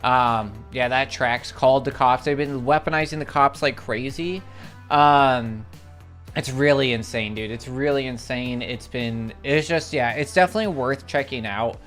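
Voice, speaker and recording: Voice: medium pitch, normal speed, soft background music. A livestream host chatting casually and rambling through a long story, with many filler words and repeated exclamations of how crazy it is. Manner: excitable, repeats "it's crazy".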